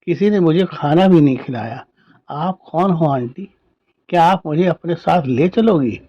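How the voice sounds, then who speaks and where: A man's voice: on the high side, measured pace, dull audio. A man voicing a timid, hungry little boy. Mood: pleading. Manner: soft, pleading.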